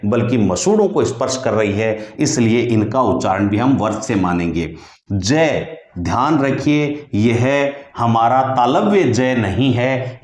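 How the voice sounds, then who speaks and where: A man teaching a Hindi grammar lesson for exam prep, speaking deliberately and repeating each sound aloud, pausing on thinking fillers. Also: mid-range voice, darkish tone, reverberant. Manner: addresses listeners as friends, with thinking fillers.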